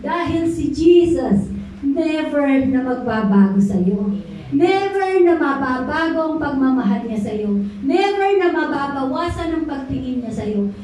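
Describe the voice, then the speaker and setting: A woman's voice: high-pitched, dark tone, a little hiss or hum. A middle-aged woman pastor preaching a sermon, drawing amens from the congregation and mixing in English. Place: church hall. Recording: echoey hall, voice from far off.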